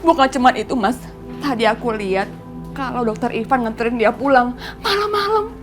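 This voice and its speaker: A woman's voice: fairly high pitch, animated, brisk, over music, lightly acted. An actress playing a scheming young woman who fakes a pregnancy, whiny and accusing, with fake tears. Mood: whiny tearful. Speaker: actor in a TV soap. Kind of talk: TV soap acting.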